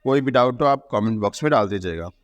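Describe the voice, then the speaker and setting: A man's voice: medium pitch, expressive, fast talker, highs cut off, soft background music. A male math teacher explaining a lesson, often asking a question and then answering it himself. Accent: Indian English. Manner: repeats key terms, asks and answers own questions; mixes English terms into Hindi explanation. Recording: long reverb.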